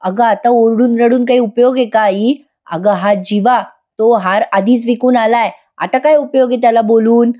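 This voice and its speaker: A woman's voice: a little high, steady tone, moderate pace, warm tone, natural voice. A woman voicing a dismissive, snappy young daughter.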